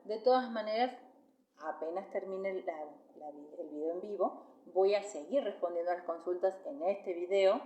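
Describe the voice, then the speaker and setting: A woman's voice: fairly low pitch, normal speed, warm tone, echoey room, muffled recording. A woman with a Rioplatense Spanish accent teaching singing in a live masterclass, chatty and explanatory, often checking in with "¿sí?".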